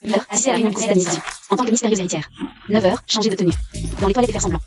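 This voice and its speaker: Woman voicing a sardonic young heiress, quick wry asides, soft music underneath. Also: medium pitch, close to an everyday voice. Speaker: heiress posing as a junior real estate agent. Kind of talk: French dub of a short drama.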